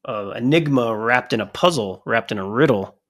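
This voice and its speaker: A man's voice: mid-range voice, animated, normal speed, fairly bright tone. A man co-hosting a podcast in casual chat, blunt and swearing freely, often cutting in over his co-host.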